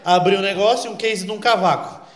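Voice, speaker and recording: A man's voice: high voice, fairly quick. A man in his thirties doing stand-up, telling a story, acting out voices and swearing. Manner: animated, acts out quoted voices, crude slang. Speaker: stand-up comedian. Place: comedy club stage. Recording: echoey live club with laughter.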